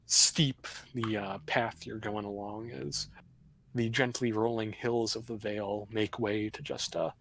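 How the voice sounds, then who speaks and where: A man narrates a tabletop campaign as the game master on a livestream. His voice is gravelly and a little husky. He tells the story loosely, drifting through fillers and asides. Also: mid-range voice, a bit bright, no echo, rough recording. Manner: casual, rambling narration with fillers.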